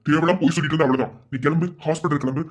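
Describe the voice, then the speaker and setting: A woman's voice: sits low, steady tone, very fast. A woman voicing a defensive, flustered young man in a cartoon, with a Madurai Tamil accent. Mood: stern. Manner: defensive, blustering, threatening. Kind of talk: cartoon voice acting.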